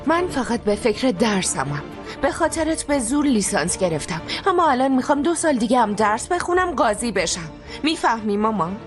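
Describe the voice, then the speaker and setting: A woman's voice: on the high side, sing-song, over music. A young woman dubbing a studious daughter in a TV drama, defensive and pleading with her mother. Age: young adult. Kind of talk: dubbed TV drama.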